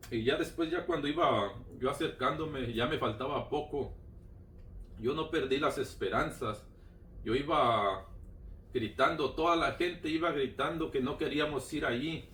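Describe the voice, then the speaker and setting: A man with a mid-range, slightly bright voice fervently recounts his personal religious testimony, repeating himself a lot. The recording sounds roomy, picked up from a distant mic.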